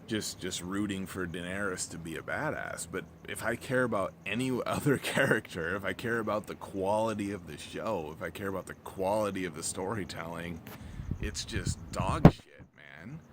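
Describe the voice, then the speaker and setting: Man, low-pitched voice, casual exasperated rant, rambling and halting, repetitive, heavy swearing, noticeable outdoor background noise. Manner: rambling, repetitive, halting, often trailing off mid-phrase; blunt, profane, exasperated. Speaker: vlogger reviewing a TV episode. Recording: clear background ambient noise.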